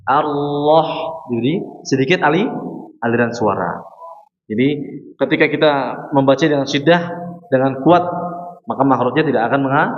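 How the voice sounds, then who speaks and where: Guy teaching quran reading in a mosque, asks then answers himself, roomy echo, dull sound. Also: mid-range voice. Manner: chants sample verses slowly. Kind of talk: mosque study lesson.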